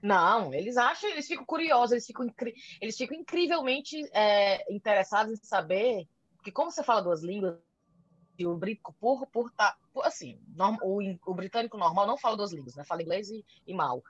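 A woman's voice: mid-range voice, fairly quick, no echo. A Brazilian woman with a Brazilian Portuguese accent telling stories in a casual chat, acting out little dialogues as she goes. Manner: lively storyteller who acts out dialogues. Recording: dull lo-fi sound.

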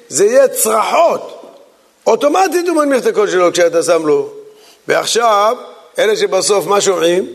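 High-voiced rabbi with a gravelly edge. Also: male voice, in a large hall. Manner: acts out the people in his stories.

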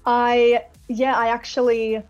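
A singer with an Australian accent is interviewed over a video call, chatting casually and reflectively in a fairly high, level voice at a slow pace. The recording is dry with a thin, phone-like sound and faint music behind her.

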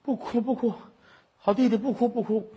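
A male storyteller voicing a soft-spoken teenage girl comforting her little brother. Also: very high-pitched, fairly even intonation, normal speed, breathy edge, voice pushed up, heavily acted. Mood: soothing. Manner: soft, soothing, coaxing. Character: gentle teenage girl, caring older sister.

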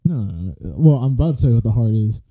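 A man's voice: mid-range voice, very animated, fast, mellow, highs cut off. A young man co-hosting a podcast, telling a long rambling story in casual chat. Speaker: podcast co-host.

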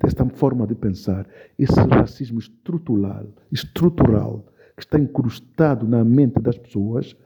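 A man's voice: medium pitch, dark tone, breathy edge. A man giving impassioned commentary in an interview, speaking emphatically and repeating key phrases for stress. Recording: dull lo-fi recording.

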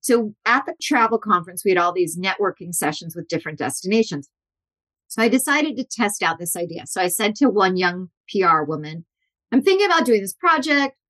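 Animated woman telling stories in an interview. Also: mid-range voice, a little fast. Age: 40s. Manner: animated, acts out quotes with shifting voices. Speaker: guest. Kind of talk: storytelling interview.

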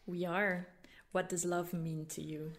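Low-voiced woman hosting a conversation. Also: level tone, unhurried. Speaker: podcast host. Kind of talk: conversational interview.

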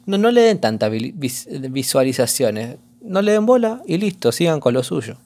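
A man with an Argentine accent, hoarse, rambling through a casual commentary vlog with lots of slang and fillers. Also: fairly high pitch, sing-song, normal speed, a little mellow. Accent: Argentine Spanish. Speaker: vlogger.

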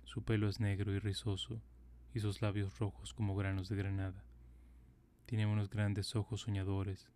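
A man voicing a gentle, sorrowful statue prince in a calm, even storybook reading. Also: lowish voice, close to an everyday voice.

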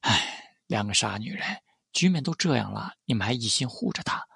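A ruthless young tycoon, as a male narrator voices him, talks low and level with quiet menace. The voice is gravelly and bright yet husky, recorded close and dry. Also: brisk, no echo, exaggerated voice. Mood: cold menace. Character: cold, ruthless powerful young tycoon, man.

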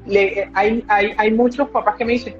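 A woman's voice: on the high side, steady tone, normal speed. A woman speaking as a guest specialist on child behavior, emphatic, repeating key phrases and giving examples. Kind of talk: explanatory interview talk. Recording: dull lo-fi audio with faint music.

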